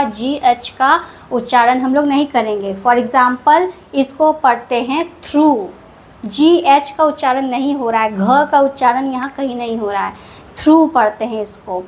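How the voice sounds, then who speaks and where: Slow, high-voiced woman teaching. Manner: slow, repeats example words deliberately. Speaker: English teacher. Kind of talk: explaining pronunciation rules.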